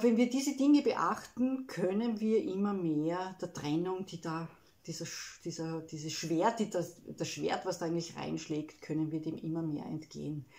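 Her voice lowish and darkish in tone, a woman with an Austrian accent shares a reflective self-help talk from personal experience. Emotion makes her delivery halting, and tag words crop up often.

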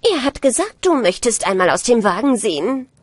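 A woman's voice: a little high, very animated, moderate pace, husky, no room sound. Woman doing a sly old witch stepmother. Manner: sly, wheedling lies.

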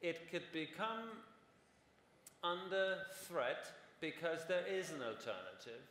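This panelist, a man in his forties, talks slowly and very animatedly in a slightly high, fairly bright voice, giving long explanations peppered with "right?" He's on stage in a large conference hall. Long reverb fills the roomy space, and faint background noise can be heard.

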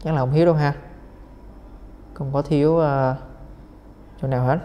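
A young male English teacher patiently works through exam answers step by step, speaking straight to his students and calling them "mấy em". His voice is somewhat high, steady and dark, at a moderate pace, with a big-room sound.

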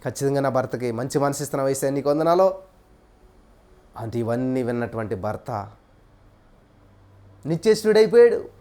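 A man's voice: medium pitch, darkish tone. A man preaching a sermon, telling a story with repetitive, emphatic phrasing.

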